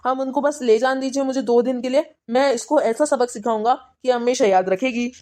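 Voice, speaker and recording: A performer acting as a doting but crafty father with a fairly high voice. He soothes his daughter warmly and talks the in-laws round with sly politeness. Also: moderate pace, natural voice. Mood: coaxing. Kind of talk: Hindi family skit acting.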